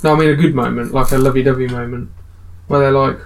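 A man casually recapping a film with friends as podcast host, relaxed and rambling. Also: mid-range voice, fast, a little hiss or hum, low-quality recording. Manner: relaxed, recapping scenes with many "um"s.

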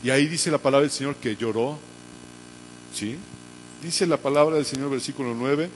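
A man preaching a sermon as pastor, fervent and swinging from hushed to loud. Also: medium pitch, moderate pace, slight background noise.

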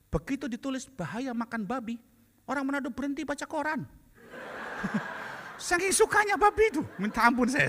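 A male pastor preaching a sermon, lively and joking, mixing in English phrases. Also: sits high, in a large hall. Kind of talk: sermon with comic stories.

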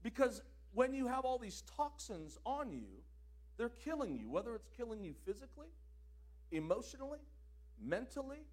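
A man preaching a sermon with a very high, bright-sounding voice. His pitch moves all over the place, rising for loud declarations and dropping to quiet asides. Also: very animated, normal speed.

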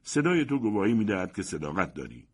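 A man voicing a kind blind old man in an audiobook, speaking softly and welcomingly. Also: fairly low pitch, sing-song, slightly rough. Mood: comforting.

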